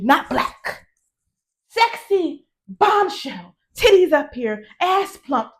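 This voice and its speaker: A woman's voice: high-pitched, a bit bright, heavily acted. A woman voicing a jealous older woman who bluntly accuses her cheating lover.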